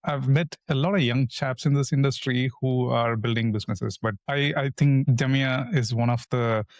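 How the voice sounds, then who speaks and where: A man's voice: medium pitch, fairly even intonation, normal speed, dry recording. Enthusiastic male podcast host. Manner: enthusiastic, repeats words while framing questions. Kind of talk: podcast interview.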